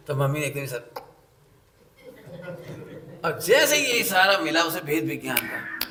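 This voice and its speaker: Lively, bright-voiced male preacher. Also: a little high, slow pace, pauses often. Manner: animated storytelling, acts out quoted voices, asks the audience questions. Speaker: Jain scripture teacher. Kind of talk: sermon with homely stories.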